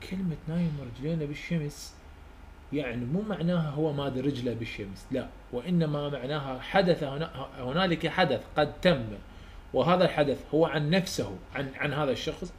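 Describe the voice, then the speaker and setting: A man's voice: mid-range voice, slight background noise. Iraqi man dictating grammar rules. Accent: Iraqi Arabic. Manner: repeats rules slowly for dictation; colloquial step-by-step explaining. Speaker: university English tutor. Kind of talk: lecture.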